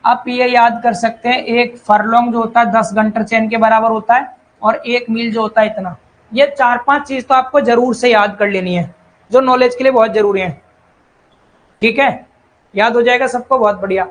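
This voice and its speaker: Male tutor with a high voice, repeats terms, reads definitions slowly. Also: fairly even intonation, fairly bright tone, slight background noise, low-quality recording. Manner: repeats key terms, calls students brother and child; reads English definitions slowly, then explains in Hindi. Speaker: civil engineering teacher. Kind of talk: online exam-prep lecture.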